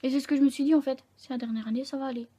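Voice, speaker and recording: A young woman vlogger tells a personal story to camera in a slightly high yet soft, mellow voice with a steady tone. She speaks candidly and haltingly, frequently stopping to correct herself.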